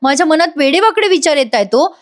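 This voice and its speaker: A woman voicing a tearful, anxious middle-aged mother who pleads and frets in a high voice. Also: lively intonation, quick pace. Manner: pleading, emotional.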